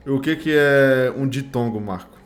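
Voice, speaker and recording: A man's voice: medium pitch, unhurried, faint music behind. A man with a Brazilian Portuguese accent, co-hosting a casual podcast, playful, swearing casually and quizzing the others. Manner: playful, swears casually, poses quiz questions. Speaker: podcast co-host. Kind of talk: casual chat.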